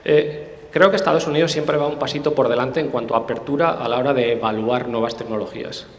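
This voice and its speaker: A man with a medium-pitched, fairly even voice talks fast as an interview guest, a tech specialist giving a conversational explanation. He's thoughtful, often hesitating and restarting. The recording is in a roomy hall with long reverb.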